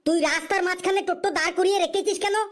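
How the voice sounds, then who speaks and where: A woman voicing a hot-tempered man in a comic cartoon dub, scolding and ranting in a shouty, repetitive way. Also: extremely high pitch, steady tone, racing, a little hiss or hum.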